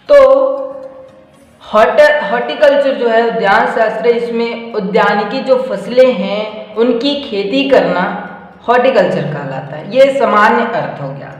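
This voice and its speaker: A male teacher giving a live online exam-prep lecture, explaining step by step, often checking in with "theek hai" and asking his students rhetorical questions. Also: high-pitched. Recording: very echoey room with long reverb and faint music.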